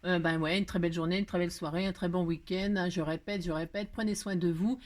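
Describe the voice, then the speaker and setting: Here the crafter speaks fast, her voice on the low side and her intonation fairly even, as she thinks aloud through a casual card-making tutorial. The chat ends with affectionate, warm goodbyes to the people watching her channel.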